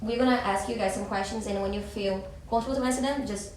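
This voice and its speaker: A woman's voice: mid-range voice, fairly even intonation, fast, darkish tone. A young woman, a student, moderating a focus group with frequent ums and a reassuring manner. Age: young adult. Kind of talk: hesitant spoken moderation. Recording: echoey room from far off, background noise.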